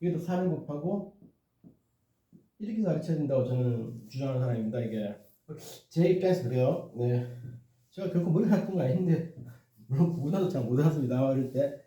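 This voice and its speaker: A man's voice: mid-range voice, expressive, brisk, warm tone. A man tutoring math in a casual, rambling way, often checking in with his listeners and poking fun at himself. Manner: rambling, self-deprecating, repeats "이렇게" and "그죠?". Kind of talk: casual explanatory lesson. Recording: echoey, dull, distant mic.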